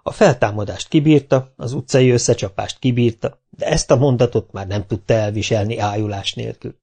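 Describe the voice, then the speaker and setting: A man reading a children's novel aloud as an amateur audiobook reader, narrating calmly and evenly. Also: medium pitch, husky. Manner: calm, even narration with lively character voices. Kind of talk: storybook narration.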